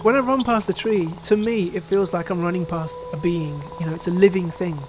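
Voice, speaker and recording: High-voiced man, relaxed, in a noisy outdoor setting. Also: brisk. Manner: relaxed and reflective, with fillers like "you know". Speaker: composer and sound artist. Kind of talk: interview.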